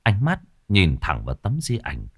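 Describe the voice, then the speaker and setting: A man narrating a ghost story in a slow, somber way. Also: fairly low pitch, huge pitch swings, slightly rough. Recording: faint music behind the voice.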